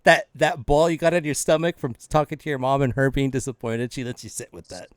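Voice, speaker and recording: A man's voice: mid-range voice, steady tone, a little fast, clean tone, no room sound, studio quality. A man narrating as game master of a tabletop game, laughing often as he goes.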